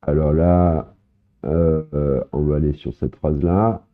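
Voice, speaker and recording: A man with a very low voice talks through an informal language lesson. He often stops to hesitate, repeats his examples, and adds little "hein"s. The sound is narrow and tinny, like it comes through a phone line. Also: fairly even intonation. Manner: explains slowly, repeating words, with many hesitations and filler "hein". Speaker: Thai language teacher. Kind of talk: casual online lesson explaining vocabulary.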